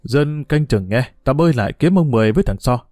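A terse older village uncle gives clipped orders in a mellow voice, played by a man reading the story. The recording is dry, with faint music underneath. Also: medium pitch, expressive, fast, no room sound, natural voice. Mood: tense.

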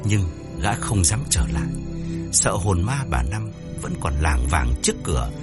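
A man narrating an audiobook story in an expressive, dramatic storytelling manner. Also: low-pitched, measured pace, loud music behind the voice.

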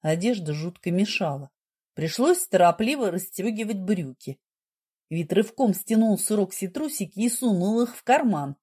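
A woman narrating an audiobook romance in a slow, measured reading. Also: medium pitch, lively intonation, warm tone, breathy edge. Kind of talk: scripted narration.

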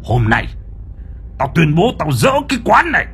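A man voicing a fierce, hot-tempered older exorcist who barks threats and shouts. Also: mid-range voice, very animated, normal speed, slight background noise, close to an everyday voice. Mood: furious.

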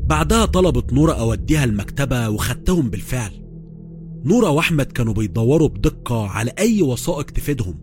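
A man's voice: medium pitch, sing-song, quick pace, darkish tone, a little hiss or hum. A man with an Egyptian accent narrating a first-person horror story, fearful and stammering. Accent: Egyptian Arabic.

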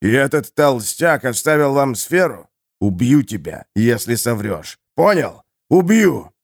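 A man's voice: mid-range voice, lively intonation, unhurried, voice pushed up. A man voicing an enraged male merchant who hisses and barks threats at a prisoner, in an audiobook. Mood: furious. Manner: snarling, hissing commands.

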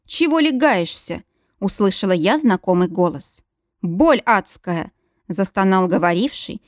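A woman narrating an audiobook in the first person, with an expressive, tense and dramatic delivery. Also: mid-range voice, no echo, clean studio sound.

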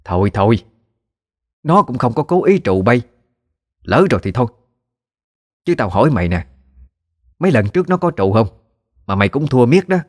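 A man's voice: mid-range voice, sing-song, moderate pace, long pauses, darkish tone, dry recording, clean studio sound, voice pushed up, close to an everyday voice. A man voicing an irritable middle-aged woman, snapping back and scolding.

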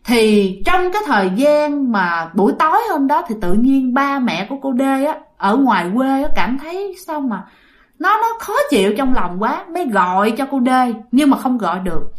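A woman's voice: high-pitched, very animated, moderate pace. A woman with a Southern Vietnamese accent telling a ghost story, chatty and dramatic, addressing her listeners directly. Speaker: storyteller host.

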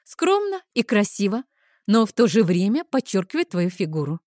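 Ayla: a woman reading as a loud, demanding young girlfriend in a storybook, high and bossy, dry close sound. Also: sing-song, moderate pace, dry recording, natural voice. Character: pushy excitable young woman friend. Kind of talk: audiobook character voice.

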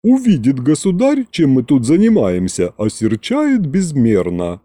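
A man's voice: wildly swooping pitch, measured pace, warm tone, no room sound. A man voicing a sly, flirtatious male palace butler who talks in a coy, mocking way. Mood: teasing. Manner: coy, mocking, higher-pitched.

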